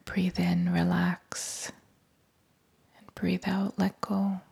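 Whispering woman guiding a slow body scan. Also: fairly low pitch, creaky, husky. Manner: soft whispering throughout, calm and unhurried. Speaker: meditation guide.

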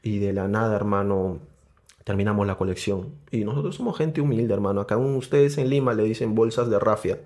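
A young man with a Peruvian Spanish accent, a podcast guest telling his story in an animated, casual way and calling the hosts "brother". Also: on the low side, a little fast. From Peru.

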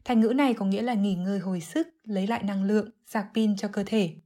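A woman giving an English vocabulary lesson, explaining clearly and methodically, word by word. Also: mid-range voice, fairly even intonation, quick pace, warm tone. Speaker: English teacher.

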